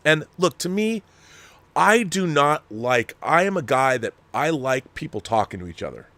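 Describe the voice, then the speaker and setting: Recorded dry, a man with a high-leaning, sing-song, bright, and forceful voice hosts a laid-back film discussion show. He reads viewer letters and delivers emphatic opinions in a rambling manner, regularly halting in the middle of sentences to rephrase.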